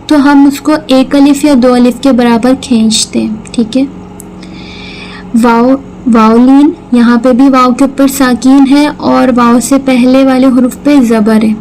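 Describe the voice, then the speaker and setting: A woman's voice: high voice, warm tone, slight background noise, rough recording. A woman teaching Quran recitation, patiently explaining each sound step by step and repeating words. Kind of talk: slow tajweed lesson with recitation.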